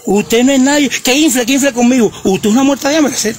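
A man's voice: very high voice, fast. A man, ranting and hurling repeated insults during a phone livestream. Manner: insulting, repetitive, mocking. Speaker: social media livestreamer.

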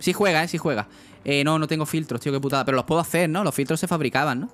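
A man's voice: a little high, racing, a bit bright, a little hiss or hum. Casual young man from streaming games. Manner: casual, chatty, asks chat often, swears. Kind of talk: gaming livestream commentary.

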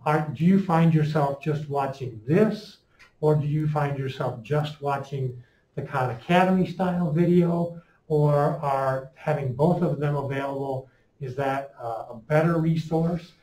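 A man's voice: on the high side, measured pace, mellow. A middle-aged man teaching informally in a classroom, slightly muffled as he speaks through a face mask. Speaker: high school calculus teacher. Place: indoor classroom in front of a chalkboard. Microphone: fixed microphone a few steps away. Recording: roomy classroom echo, distant microphone.

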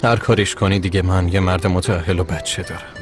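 A man's voice: deep voice, steady tone, lightly acted. An actor dubbing a heartbroken young man, resigned to a lost love, in a TV drama dub. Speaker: grandson. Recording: dubbed voice over loud music.

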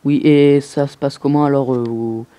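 A man making a casual inquiry over the phone, halting and earnest in his delivery. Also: mid-range voice, fairly even intonation, mellow, smooth. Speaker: prank caller. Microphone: telephone call. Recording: noisy telephone prank recording.

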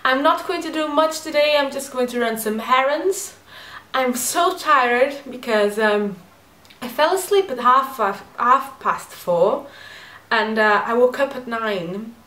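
A beauty vlogger in her twenties, speaking with a Portuguese accent, rambles and pokes fun at herself while doing her makeup in her bedroom for a chatty get-ready-with-me vlog. Her voice sits a little high, with a measured pace and a bright, forceful tone. The mic is far away, so the sound is roomy.

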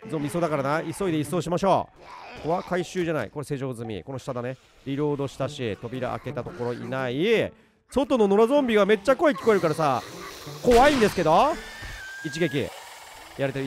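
Male game streamer, high and lively delivery, swings from mumbling to yelping, game music underneath. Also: fairly quick, noisy background. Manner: animated, talks to himself, jumps from muttering to excited outbursts. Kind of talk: let's play commentary.

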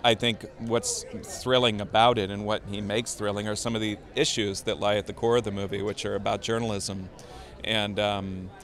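A man giving a red carpet interview, thoughtful and emphatic, pausing to find his words. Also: lowish voice, little pitch movement, fairly bright tone.

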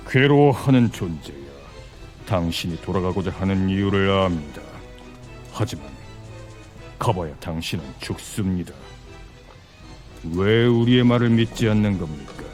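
An actor playing a composed, persuasive otherworldly envoy in a video game, speaking formally and gravely. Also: male voice, low-pitched, lively intonation, moderate pace, pauses often, music in the background. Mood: solemn, persuasive. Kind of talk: dramatic game voice acting.

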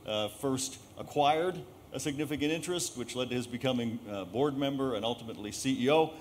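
A middle-aged man hosts a live panel, pausing often with filler sounds as he talks to the room. His voice sits at an ordinary pitch. A faint hum of ambient noise runs under the recording. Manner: halting, many filler sounds, polls the audience. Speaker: panel moderator. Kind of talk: hosting a live panel discussion.

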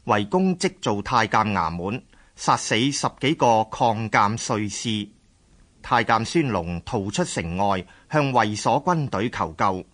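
With a Hong Kong Cantonese accent, a man delivers formal, measured scripted narration for a historical radio drama. His voice is lowish and a bit bright.

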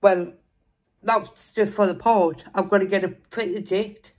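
A woman's voice: mid-range voice, steady tone, measured pace, a little mellow. A young woman, chatting casually while eating on camera and repeating herself as she rambles. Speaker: food vlogger. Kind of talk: casual mukbang chat.

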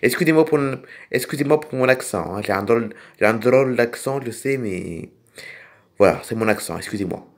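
A man's voice: mid-range voice, expressive, a little fast. A man voicing a hesitant adult tractor driver who speaks with a put-on odd accent and stumbles over his words. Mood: insistent, apologetic. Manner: hesitant, stumbling with many fillers. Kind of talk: toy figure film role-play.

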